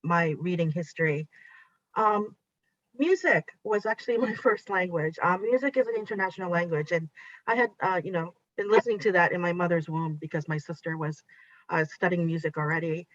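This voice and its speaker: Over dull, lo-fi video call audio, a native Japanese-speaking woman leads a teacher workshop online, walking the audience through each step in a chatty, encouraging manner. She speaks fairly quickly with a lowish, fairly bright voice, and the recording is dry.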